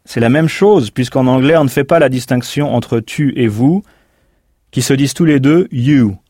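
A man's voice: mid-range voice, mellow, dry recording. Patient male language teacher, dry studio. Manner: patient, slow explanations, spells out words letter by letter. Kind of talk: recorded language lesson narration.

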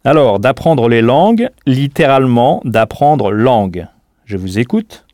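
A man's voice: medium pitch, animated, measured pace, mellow, no echo, clean studio sound. A man teaching a scripted audio language lesson, patient and didactic, prompting the listener to answer.

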